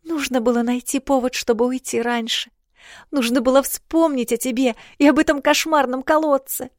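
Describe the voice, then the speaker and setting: An audiobook reader voices a delicate young princess, high and eager, her guilt-ridden, fretful chatter tumbling out breathlessly and fast. She comes across sweet and easily upset, lightly acted with fairly even intonation. The recording is close and dry, with no echo or room sound.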